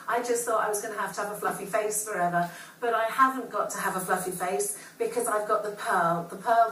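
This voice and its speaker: A woman's voice: medium pitch, a bit bright. A woman working as a home shopping host, giving live, chatty sales patter and repeating words for emphasis. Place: TV shopping studio. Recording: roomy, distant studio sound, faint noise.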